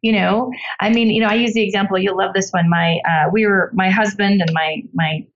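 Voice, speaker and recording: A middle-aged woman talks as a podcast guest, her voice at an ordinary pitch. She tells her stories with lively energy and jumps higher when she acts out what others said. The audio sounds a little dull and lo-fi. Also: brisk. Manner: animated storyteller, jumps up in pitch for quotes. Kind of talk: casual podcast conversation.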